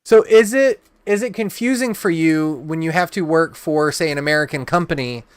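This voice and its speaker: A man's voice: a little high, normal speed, clear, resonant tone, dry recording. A man hosting a live card-opening stream, chatting and teasing his co-host in casual banter.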